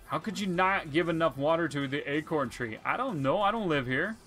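A man's voice: fairly high pitch, expressive, fairly quick, a bit bright, soft background music. A middle-aged man chatting casually on a live gaming stream, greeting and thanking viewers. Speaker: video game streamer.

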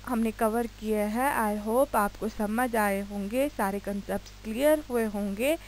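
An Indian-accented woman leads a recorded English grammar class, slowly explaining rules, spelling out words letter by letter, and often stopping to quiz her students briefly. Her voice is on the high side with a darkish tone, and the rough recording carries slight background noise.

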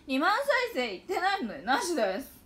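A woman's voice: sits high, big pitch swings, fairly quick, fairly bright tone. A young woman in her twenties with a Hakata dialect accent, chatting casually and animatedly to viewers on a livestream. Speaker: livestream host. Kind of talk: casual livestream chat reading comments.

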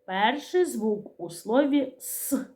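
A middle-aged woman teaching a preschool literacy lesson, speaking slowly and clearly in a sing-song way to small children. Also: medium pitch, big pitch swings, darkish tone.

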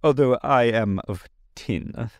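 Earnest tin man with a soft heart, as a man plays him, slightly raised voice, slow measured delivery. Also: medium pitch, dry recording, pitched above the performer's own voice. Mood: proud. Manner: earnest, concerned.

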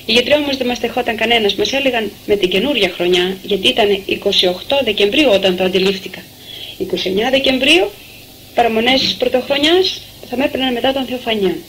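A woman's voice: fairly high pitch, a bit bright, slight background noise, low-quality recording. Young woman recounting her testimony. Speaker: testimony giver. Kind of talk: personal testimony storytelling.

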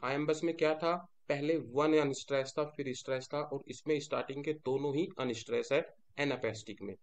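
A man's voice: medium pitch, steady tone, fairly quick. A man with an Indian accent teaching a lecture, mixing in English terms and answering his own questions. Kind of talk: classroom-style lecture.

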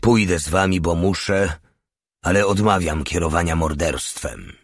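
Gruff old squad leader, firm and commanding, low dry voice, as the reader puts him on. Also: male voice, unhurried, no echo. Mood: stern. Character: stern, principled older male soldier leader.

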